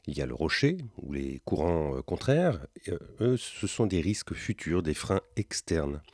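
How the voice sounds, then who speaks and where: A man hosting a podcast, calmly explaining a method and speaking directly to the listener. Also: low-pitched, no echo, studio quality. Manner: calm, measured, addresses listener directly. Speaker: podcast host.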